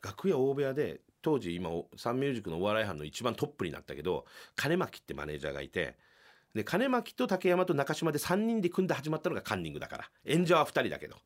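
Animated middle-aged man telling a story. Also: fast. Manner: acts out quoted shouting with big pitch jumps. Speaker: podcast host, comedian. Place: small radio studio.

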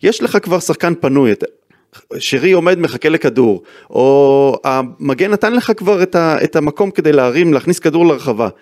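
A man's voice: a little high, lively intonation, a little mellow, no echo, studio quality. A male football pundit in a casual chat who breaks down plays in detail and brings up statistics emphatically. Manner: detailed, stat-citing, emphatic.

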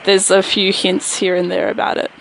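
A woman's voice: medium pitch, flat delivery, moderate pace, vocal fry, a little hiss or hum, low-quality recording. A woman hosting a casual radio interview, restarting her questions as she goes. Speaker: radio host.

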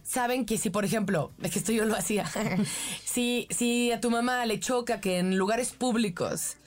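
A woman's voice: a little high, normal speed. A woman with a Mexican accent, a mother and podcast guest talking casually with many restarts. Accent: Mexican Spanish. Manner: talkative, many restarts and fillers. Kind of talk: casual chat.

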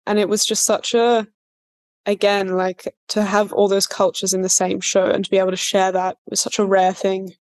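A woman's voice: mid-range voice, flat delivery, moderate pace, darkish tone. Chatty young woman. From Australia. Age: 20s. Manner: chatty, many fillers and restarts, laughs easily. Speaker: actor being interviewed. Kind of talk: casual interview chat.

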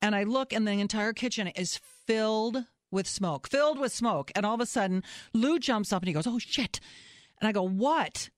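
A woman's voice: mid-range voice, fairly quick, hardly any pauses, no room sound. Middle-aged woman, casual storyteller, self-mocking, acts out the big moments, dry close sound. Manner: animated, self-mocking storyteller who acts out her own shouts.

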